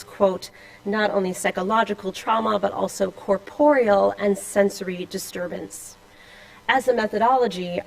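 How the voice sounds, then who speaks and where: In a lecture room, a woman presents a scholarly paper at an academic conference, reading it with casual asides and fillers. She has a slight Boston accent and a creaky, mid-range voice. The recording is rough.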